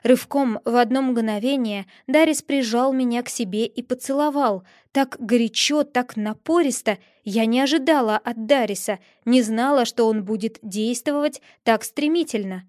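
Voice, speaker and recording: A woman's voice: a little high, moderate pace, few pauses, darkish tone, dry recording, studio quality. A woman reading a novel aloud in the first person, with tense, breathless storytelling. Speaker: audiobook narrator.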